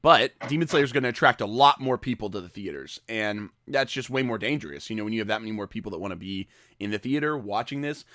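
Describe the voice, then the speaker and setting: A man co-hosting a podcast, chatting casually and weighing his opinions out loud. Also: on the low side, expressive, fast talker, hardly any pauses, no echo, studio quality. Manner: thoughtful, hedging. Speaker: podcast co-host. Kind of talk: casual chat.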